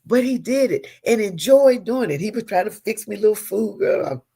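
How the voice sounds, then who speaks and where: A middle-aged pastor's wife, appearing as an interview guest, tells a personal story earnestly and with feeling. Her medium-pitched voice is creaky and husky at a moderate pace, and she animatedly leans on endearments like "honey" and "girl."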